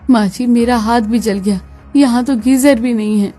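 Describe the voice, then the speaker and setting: A woman's voice: a little high, moderate pace, mellow, close to an everyday voice. Brief: woman voicing an indignant young wife in a cartoon, raised voice, faint music behind. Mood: complaining.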